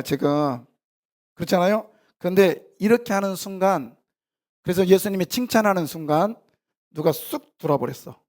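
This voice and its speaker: A man preaching a sermon in a church, talking casually with the congregation and firing questions at them while he acts out a scene. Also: sits high. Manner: animated, questions the congregation directly; casual, half-informal banter with congregants. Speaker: pastor. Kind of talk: conversational sermon with live demonstration. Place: church sanctuary.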